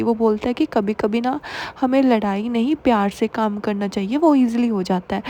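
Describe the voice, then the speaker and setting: A woman's voice: a little high, dark tone. A woman casually retelling a drama episode as host, chatty and full of fillers. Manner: chatty, many fillers, reads quoted lines lightly. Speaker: drama recap narrator. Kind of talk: casual drama recap narration.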